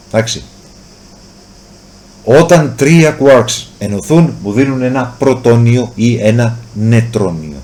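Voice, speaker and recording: A man's voice: medium pitch, darkish tone. A man with a Greek accent explains chemistry as a teacher would to a single student. He asks questions and answers them himself. He stretches out the important words to make them stick. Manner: stretches key words slowly for emphasis. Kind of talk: explanatory lesson, addressing the student directly.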